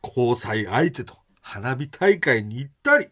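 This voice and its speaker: A man's voice: mid-range voice, sing-song, slow pace, fairly bright tone, husky. A man co-hosting a comedy radio show, reading listener mail and announcements with a showy emcee flair. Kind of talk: casual comedy radio chat.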